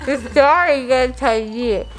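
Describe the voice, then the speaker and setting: A woman's voice: high-pitched, moderate pace, crowd noise. A young woman, loopy and numb-mouthed after having her wisdom teeth out, chatting in a muffled, slurred, childlike and emotional ramble. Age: teens or young adult. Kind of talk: casual chat. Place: indoors on a couch, camera close by. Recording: loud music behind.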